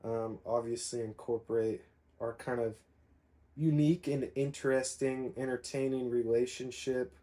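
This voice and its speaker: A man in his twenties co-hosts a podcast, speaking in a mid-range voice at normal speed. The conversation is casual and relaxed, and he rambles with lots of fillers.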